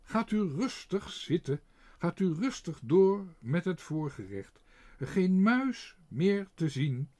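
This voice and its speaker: A man's voice: sits high, sing-song, slow, darkish tone, pitched above the performer's own voice, exaggerated voice. Een man die een gejaagde restauranteigenaar speelt die zijn gasten probeert te kalmeren. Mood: pleading. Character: flustered restaurant owner man calming guests.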